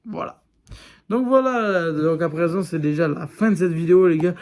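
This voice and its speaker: A man's voice: on the high side, fairly quick, darkish tone. A man giving a frank, casual video review, talking straight to his viewers with plenty of fillers. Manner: frank, addresses viewers directly as "les gars", lots of fillers. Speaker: YouTuber reviewing a series.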